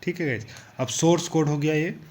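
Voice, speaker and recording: A man's voice: a little high, a little fast, darkish tone, slight background noise. A young man explaining programming basics in a casual tutorial, looping back often with "thik hai" and "guys". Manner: repetitive, loose, filler "thik hai" and "guys".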